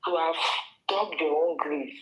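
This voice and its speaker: A woman's voice: low voice, steady tone, unhurried, highs cut off. Scolding woman with a Nigerian accent. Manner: scolding, addresses her target directly. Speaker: gossip commentator. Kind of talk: opinion commentary vlog.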